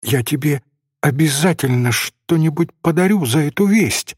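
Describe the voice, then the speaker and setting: A man reading a story voices an impatient young village woman who pleads and exclaims excitedly. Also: a little high, moderate pace, breathy edge, no room sound, studio quality, pitched above the performer's own voice. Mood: eager.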